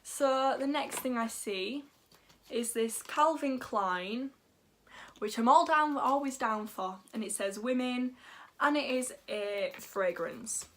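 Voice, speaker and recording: A teenage girl, gushing and giggly as she chats through a beauty unboxing. Her voice sits a little high for a woman, and she talks in a casual, bubbly way. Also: slow pace, a bit bright, slight background noise. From England, North Yorkshire. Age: teens. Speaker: beauty vlogger.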